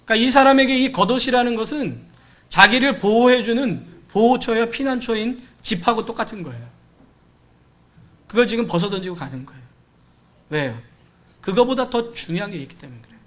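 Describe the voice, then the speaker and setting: A male pastor delivers a Sunday sermon in a church, with a noticeably high-pitched voice. He speaks to the congregation conversationally and slips into the voices of the people in his story to act out their pleas. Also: expressive, a little fast, fairly bright tone. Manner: conversational preaching, acts out quoted cries and dialogue. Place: church sanctuary.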